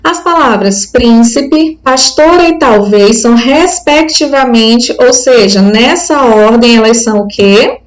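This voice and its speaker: A woman's voice: a little high, expressive, measured pace, hardly any pauses, low-quality recording. A Brazilian woman teacher with a Brazilian Portuguese accent, giving a recorded video lesson in a patient, explanatory way and often checking that the students follow.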